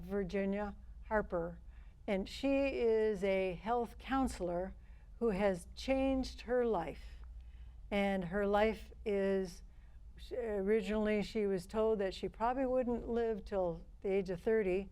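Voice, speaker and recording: A woman's voice: medium pitch, darkish tone. A woman hosting a talk show and interviewing a guest, friendly and a bit hesitant, with many fillers. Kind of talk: interview chat.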